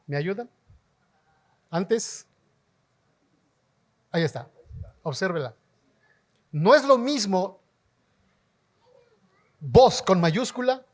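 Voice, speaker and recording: A man preaching a sermon as pastor, leading his congregation in call-and-response and rising to shouts. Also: sits high, expressive. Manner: slow, emphatic delivery, rising to shouts. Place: church hall before a congregation.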